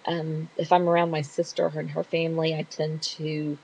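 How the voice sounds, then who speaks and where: A woman's voice: sits low, monotone, normal speed, vocal fry, darkish tone, slightly rough, rough recording. A middle-aged woman with a Texas accent, chatting casually and rambling a little as she answers questions. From Texas, USA. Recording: hissy home recording.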